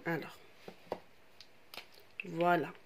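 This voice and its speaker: A woman's voice: on the low side, little pitch movement, very slow, creaky, very noisy. A woman teaching a French grammar lesson to young children, speaking. She repeats key terms and explains them again in Arabic. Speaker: primary school French teacher.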